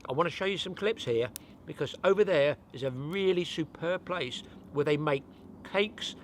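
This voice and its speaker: A man's voice: fairly high pitch, moderate pace, slight background noise. Chatty older British man, rambling. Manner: chatty, rambling, self-mocking. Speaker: channel host. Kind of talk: casual outdoor chat. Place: off-grid forest cabin.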